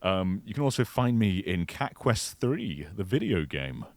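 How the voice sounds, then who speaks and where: A man's voice: sits low, very animated, a little slow, darkish tone, no echo. A man guesting on a gaming podcast, easygoing and amused. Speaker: guest video maker and voice actor. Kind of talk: casual gaming chat.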